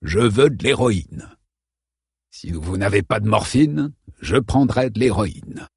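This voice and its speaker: A man's voice: on the low side, expressive, takes it slowly, a little mellow, breathy edge, no echo, clean studio sound, full character voice. A man voicing Holmes, an adult male detective posing as a drug addict, with a pleading, plain delivery.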